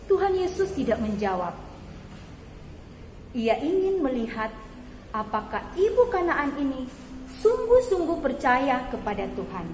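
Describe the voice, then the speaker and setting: A woman narrating a children's Bible story slowly and expressively. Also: sits high, very animated, a little mellow, slight background noise. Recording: echoey hall, faint ambience.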